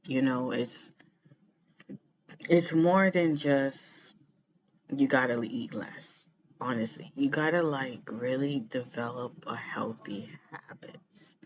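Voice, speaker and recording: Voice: mid-range voice, takes it slowly. A vlogger chatting casually to the camera in a rambling way, repeating phrases for emphasis. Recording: muffled lo-fi sound with background noise.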